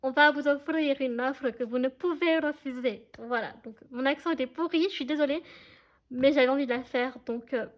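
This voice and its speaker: A woman giving a casual tarot reading to her viewers, chatty and hesitant, often checking that they follow her. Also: a little high. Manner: chatty, hesitant, many fillers, addresses viewers directly. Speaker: tarot card reader.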